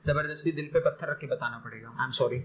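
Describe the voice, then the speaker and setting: A man teaching biology in a classroom, loud and energetic, quizzing and praising his students. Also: medium pitch, fast talker. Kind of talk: lively classroom lecture. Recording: noisy classroom recording.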